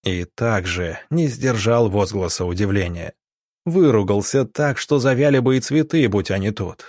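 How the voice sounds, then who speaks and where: A man narrating an audiobook with a dramatic, measured delivery. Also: on the low side, a little mellow, no room sound, studio quality.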